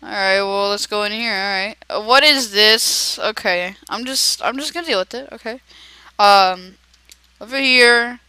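An excitable teenage boy narrates his game aloud in a chatty, rambling way. His voice is bright and smooth, and the recording is dry and close. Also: sits high, a little slow, no echo, rough recording. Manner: excitable, chatty, talks to himself while playing. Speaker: gaming video creator. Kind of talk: casual gameplay commentary.

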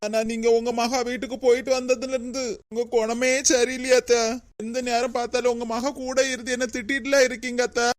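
A woman's voice: a little high, flat delivery, brisk, lightly acted. A woman voicing a put-upon young daughter-in-law in a cartoon, pleading and anxious, with a Kanyakumari Tamil accent. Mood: upset pleading. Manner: plaintive, pleading. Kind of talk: cartoon voice acting.

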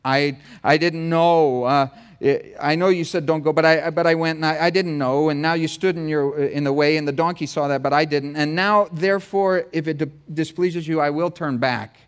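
A man's voice: on the high side, fairly even intonation, moderate pace, clear, resonant tone, close to an everyday voice. A man playing a stammering, flustered prophet. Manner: stammering, self-justifying.

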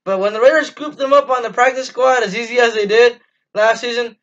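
Captured on dull, lo-fi webcam audio, a teenage fan channel host runs through a casual postgame sports review in a small dim room. His extremely high, slightly bright voice holds a steady tone and moves a little fast, while his enthusiastic talk is full of ums and restarts.

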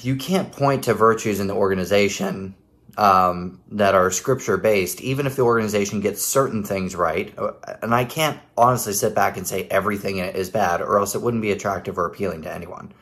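A man's voice: fairly low pitch, fairly quick, fairly bright tone. A man in his thirties hosting a casual, critical commentary video from home, with a sarcastic edge. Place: living room at home.

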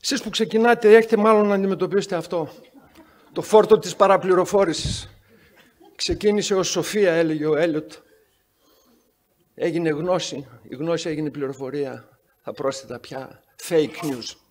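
A man's voice: fairly high pitch, fairly even intonation. A man chairing a medical conference session, giving an introduction full of sarcastic, wry anecdotes. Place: conference hall.

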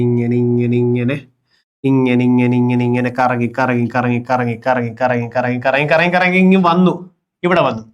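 A man teaching an online exam coaching class, repeating key facts over and over, quizzing his students and calling on them by name. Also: a little high. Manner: lively, coaxing, drills answers.

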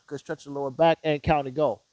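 A man working as a fitness instructor, guiding stretches with short, measured step-by-step directions and counts. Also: fairly high pitch, fairly even intonation, a little mellow, no echo.

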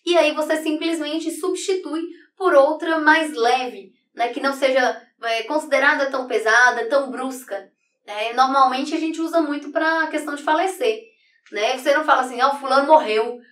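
A woman's voice: sits high, moderate pace, fairly bright tone. A woman teacher explaining figures of speech in an online exam-prep lesson, often checking in with the class by asking "right?". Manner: explanatory, tag questions "né?" constantly. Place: room, writing on a board. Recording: echoey room, distant mic.

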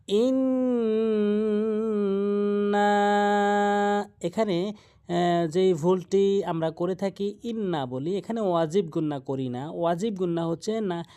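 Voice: medium pitch, mellow. A Quran teacher giving a tajweed lesson, spelling out letters and vowel marks one syllable at a time and warning about common mistakes. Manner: warns of common mistakes, urges likes and subscribing.

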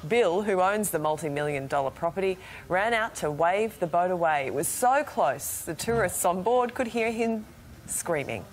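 A woman's voice: on the low side, lively intonation, normal speed. A woman reading morning show news with light banter. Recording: faintly noisy TV broadcast.

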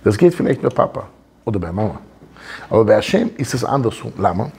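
A man's voice: fast, slightly rough. A man giving a religious lecture, asking his listeners many questions and mixing Hebrew terms into his talk. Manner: animated, asks many questions, swings pitch up and down; mixes Hebrew terms into speech. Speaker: Torah teacher.

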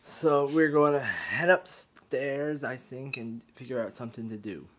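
A man's voice: medium pitch, lively intonation, a little slow, fairly bright tone. A man vlogging casually to the camera, rambling and hesitant with restarts, somewhat out of breath, recorded on a handheld camera mic. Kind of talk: casual vlog talk to camera.

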